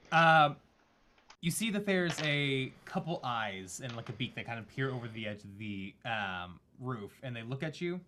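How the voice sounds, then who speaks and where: A man's voice: mid-range voice, sharp tone, slight background noise. A man narrating as game master in a casual, rambling way.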